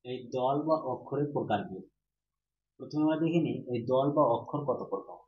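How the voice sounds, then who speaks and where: A man's voice: mid-range voice, animated, brisk. A teacher who keeps quizzing his class. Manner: asks questions and answers them himself, repeating key terms. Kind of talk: Bengali grammar lesson for students. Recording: roomy, dull, with faint hum.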